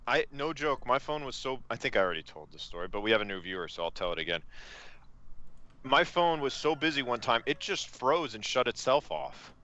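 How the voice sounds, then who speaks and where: A man's voice: medium pitch, sing-song, brisk, sharp tone. Joking man on a dull lo-fi mic. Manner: joking, rambling storyteller. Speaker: streamer host. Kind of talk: casual gaming stream chat.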